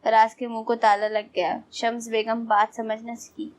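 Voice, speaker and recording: A woman narrating an audio novel in a steady storytelling read. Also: a little high. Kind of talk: scripted narration.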